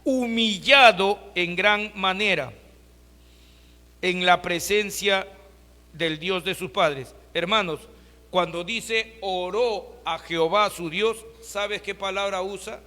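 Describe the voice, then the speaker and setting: High, bright-voiced pastor preaching. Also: male voice, slow pace, long reverb tail. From Peru. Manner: rhetorical questions, addresses listeners as brothers. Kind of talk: sermon.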